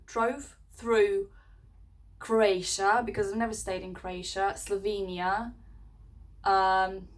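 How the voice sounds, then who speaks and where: Rambling woman vlogger from Serbia. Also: mid-range voice. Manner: rambling, many fillers and restarts. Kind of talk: casual chat to camera.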